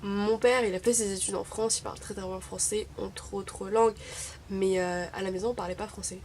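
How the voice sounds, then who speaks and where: A young Moroccan woman, a native Arabic speaker, vlogs casually to camera in a wry, chatty way full of hesitations. Her mid-range voice is a little mellow, steady in tone and brisk. There is slight background noise.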